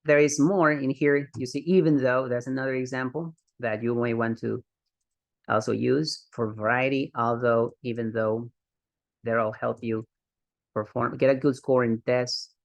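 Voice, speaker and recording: A man teaching an advanced English grammar lesson to online learners, in a mid-pitched voice. He keeps an upbeat tone and repeats key terms to drive them home. The recording is close and dry. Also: fairly even intonation, measured pace, no room sound, highs cut off.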